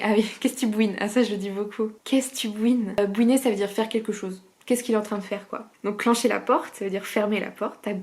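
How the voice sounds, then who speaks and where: A woman's voice: mid-range voice, darkish tone. Chatty Norman woman vlogging. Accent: Norman French. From Normandy, France. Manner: chatty and digressive, laughs often. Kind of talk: casual chat to camera.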